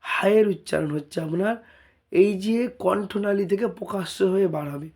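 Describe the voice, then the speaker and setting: A man from India with a Bengali accent teaching Arabic letters, repeating each sound several times in a slow spoken lesson. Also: sits high, vocal fry, darkish tone.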